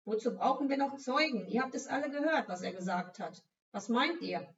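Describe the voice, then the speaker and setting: A stern, accusing high priest, as a woman reading a storybook puts him on, solemn and demanding. The voice sits on the high side. The sound is dull and distant. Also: expressive, brisk. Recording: dull, slightly distant recording.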